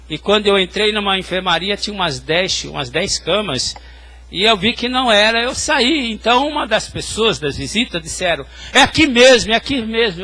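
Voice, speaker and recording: Speaking with a high, bright voice and a forceful tone, a male pastor tells hospital stories during his sermon and addresses the congregation directly.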